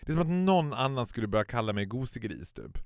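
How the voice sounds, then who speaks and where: A man, telling an animated story in a casual podcast chat and mixing in English phrases. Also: medium pitch, gravelly, dry recording, studio quality. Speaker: podcast co-host.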